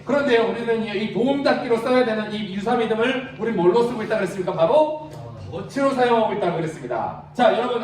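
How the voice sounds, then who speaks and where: A man's voice: high voice, darkish tone, slight background noise. A man preaching as an evangelist at a youth retreat, asking the crowd questions and leading them in reading aloud. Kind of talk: interactive sermon. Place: large hall at a youth summer retreat. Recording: very echoey hall, mic far off.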